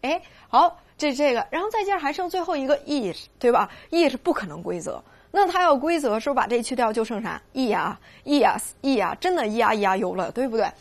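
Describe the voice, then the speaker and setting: A woman teaching a Spanish grammar lesson, coaxing her students with constant questions and slowly drilling the verb forms. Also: high-pitched. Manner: lively, coaxing, full of rhetorical questions.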